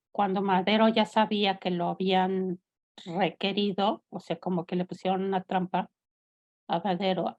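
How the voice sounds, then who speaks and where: A Mexican woman hosting a talk show, chatting casually and rambling with many fillers and asides. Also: medium pitch. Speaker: host.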